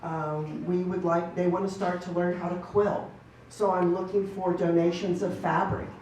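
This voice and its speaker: A woman's voice: on the low side, flat delivery, normal speed, a little mellow. A woman running a community program, speaking informally with fillers to an audience in a meeting room. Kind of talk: casual talk to an audience. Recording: very echoey room from far off, faint noise.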